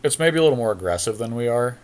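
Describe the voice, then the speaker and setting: A podcast co-host with a medium-pitched, expressive voice talks fast and casually. He thinks aloud as he weighs his options during a card game draft.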